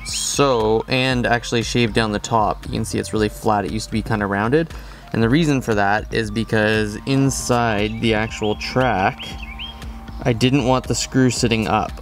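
A man's voice: lowish voice, moderate pace, faint music behind. Chatty man explaining outdoors. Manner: relaxed, rambling, chatty with fillers. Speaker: outdoor channel host. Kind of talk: casual how-to demonstration. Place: backyard lawn, outdoors.

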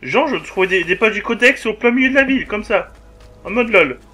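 Lively high man narrating gameplay. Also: fairly quick. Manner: swearing, joking, talking to the game. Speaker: let's play commentator. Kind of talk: gameplay commentary.

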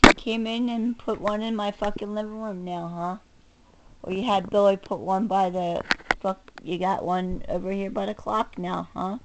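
A middle-aged woman records herself ranting angrily and combatively to camera, swearing and hitting her words hard as she swings between muttering and raising her voice. Her voice is mid-range, and the poor audio carries slight background noise.

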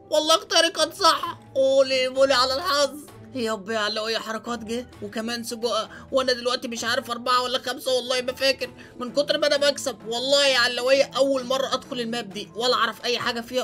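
Rapid-fire Egyptian gamer guy. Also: very high voice. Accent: Egyptian Arabic. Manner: excitable, lots of English exclamations. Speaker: gaming channel host. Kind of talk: excited let's-play commentary. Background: faint background music.

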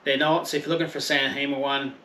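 Speaking very fast in a level, pushed, bright mid-range voice, a laid-back Australian man in his thirties unboxes and reviews camping gear for his vlog. He's chatty and self-deprecating, swears mildly, and films first on an outdoor patio, then in a garage.

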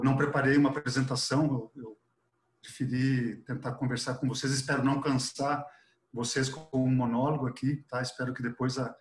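A middle-aged man from Chile, a professor speaking unscripted and earnestly on a video call with a headset, dropping frequent fillers. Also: mid-range voice. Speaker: professor, webinar panelist. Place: office with artwork behind. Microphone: earphone headset on a video call. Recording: echoey room on a video call.

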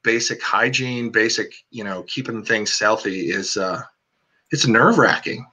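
A man's voice: fairly low pitch, unhurried, bright, forceful tone, slightly rough. A man, a cinematographer guest, talking casually on a video call, rambling with lots of "like" and "um.". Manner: rambling, many "like" and "um" fillers.

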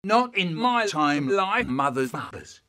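A man in his sixties with a husky voice, delivering a theatrical dramatic monologue in choppy, spliced phrases. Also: on the high side, sing-song, a little slow, sharp tone. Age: 60s.

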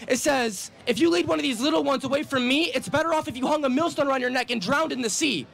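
A man's voice: extremely high pitch, fast, gravelly, a bit bright. A man preaching on a city street outdoors, insistently quoting scripture and cutting in with questions.

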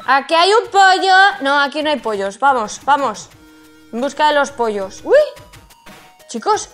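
A woman with a Spain Spanish accent narrates her gameplay to viewers in an excitable, exclamatory way. Her voice is very high. Faint game music plays in the background. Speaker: gaming streamer.

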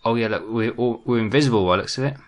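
A man's voice: mid-range voice, rapid-fire, soft background music. A young man giving chatty, jokey commentary while he plays a game and talks to his viewers. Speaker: gaming let's-play host. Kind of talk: casual gameplay commentary.

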